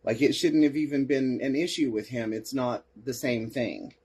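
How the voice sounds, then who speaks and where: A man's voice: medium pitch, fairly even intonation, normal speed, a little mellow, slightly rough. A man hosting a podcast, reading case reports aloud and breaking off for sarcastic asides and replies to listeners. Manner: sarcastic asides, answers chat comments. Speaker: podcast host.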